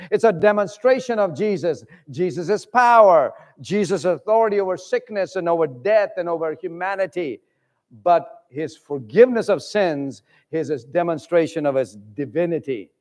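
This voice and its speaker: A man preaching a passionate sermon, swinging between loud calls and hushed pleading. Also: high voice, big-room sound. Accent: British. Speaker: pastor. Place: church hall.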